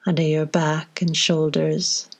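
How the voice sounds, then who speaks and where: In a low, level tone, a woman takes listeners through a guided body scan, speaking slowly and gently with long pauses between her phrases.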